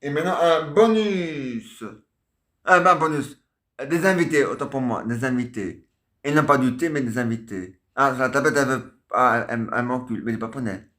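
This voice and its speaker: A man's voice: medium pitch, moderate pace, pushed and bright. A man hosting a homemade comic theatre sketch, muttering asides and filling his talk with little fillers. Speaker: amateur puppeteer and show host.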